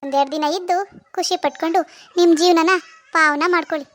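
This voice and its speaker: A woman voicing a boastful rich young woman who taunts and lectures her poorer sister in an animated cartoon. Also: extremely high pitch, fairly quick. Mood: falsely sweet. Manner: taunting, scolding, preachy.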